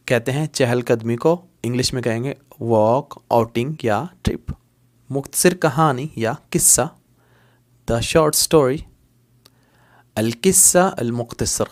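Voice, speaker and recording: A man teaching Arabic phrases in an online lesson, explaining patiently and repeating each word several times, with English glosses mixed in. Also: medium pitch. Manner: switches between Hindi-Urdu explanation and English glosses.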